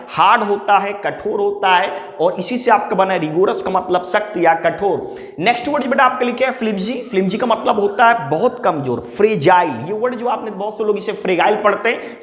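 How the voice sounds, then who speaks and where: High-voiced man teaching vocabulary, echoey room. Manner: addresses students as "beta", repeats key meanings. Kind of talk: classroom vocabulary lesson with mnemonics. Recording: echoey room with long reverb.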